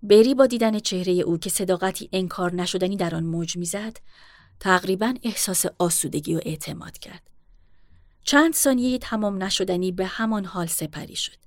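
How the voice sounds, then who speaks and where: A woman reading a novel aloud in a steady, measured way as an audiobook narrator. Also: mid-range voice, no echo, clean studio sound. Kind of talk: scripted narration.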